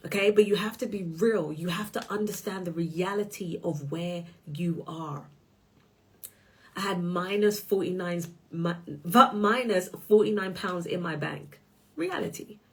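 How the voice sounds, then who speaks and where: A woman's voice: fairly low pitch, a little slow. A woman, a life coach teaching a live online masterclass in an emphatic way, often checking in with listeners. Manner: emphatic, keeps checking in with "okay?".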